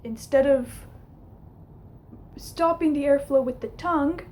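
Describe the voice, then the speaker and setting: A young adult woman with a slightly high voice talks through an informal lesson to camera. She explains step by step, a little hesitantly. The home recording has some noise behind her. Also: a little slow, a little mellow. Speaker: linguistics teacher. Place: small room at home, indoors.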